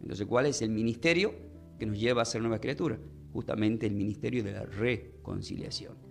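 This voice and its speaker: A man teaching a Bible lesson in a sermon style. He speaks slowly and deliberately, spells out words and often asks the listeners questions. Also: on the low side, vocal fry, soft background music.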